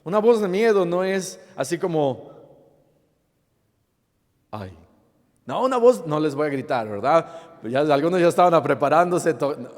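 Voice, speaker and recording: A man preaching a sermon as pastor to his congregation, asking them playful rhetorical questions and often pausing with fillers and restarts. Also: fairly high pitch, animated. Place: church sanctuary. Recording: long reverb of a church hall.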